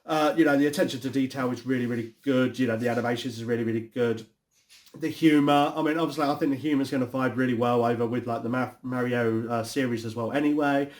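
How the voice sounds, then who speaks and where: A man's voice: mid-range voice, fairly even intonation, quick pace, a little mellow. A man from the UK, hosting a casual, rambling review chat full of fillers. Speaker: host.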